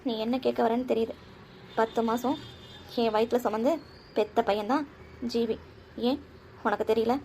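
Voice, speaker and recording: Cartoon mother voiced by a woman, soothing and tender, pitched a little high, protective warmth in every line. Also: steady tone, moderate pace, long pauses, slight background noise, lightly acted. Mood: earnest. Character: affectionate mother, gentle and protective. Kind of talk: cartoon drama voice acting.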